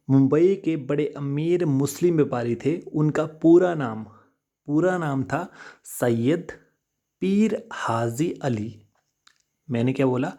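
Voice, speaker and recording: A man's voice: medium pitch, mellow. A man working through exam questions as a teacher in an unscripted lesson, chatty, repeating key answers and addressing viewers directly.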